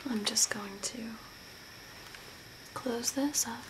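A young adult woman role-plays an eerie yet soothing zombie-makeover artist in a soft, breathy ASMR whisper, her voice on the high side. She is slow, hushed, deliberate and spooky, and the mood is eerie. She's in a small room at home by a window, close to a camera held at arm's length, and the home recording is noisy with ambience.

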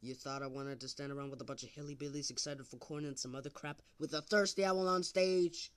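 A man voicing a brash, excitable, foul-mouthed imp hitman in an overacted amateur cartoon dub, sarcastic and exclamatory. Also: medium pitch, very slow. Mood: irritated, mocking.

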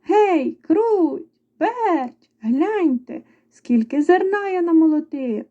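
A woman's voice: sits high, expressive, normal speed, dark tone, highs cut off. A woman doing a hardworking little rooster. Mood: calling.

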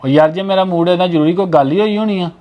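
A man's voice: sits high, rapid-fire, lo-fi sound. A man acting as a sulking, demanding brother-in-law in a family short film. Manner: sulky, sharp and demanding.

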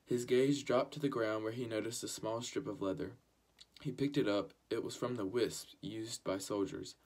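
A man reading a children's story aloud to a youth group in a plain, steady manner. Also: lowish voice. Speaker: reader.

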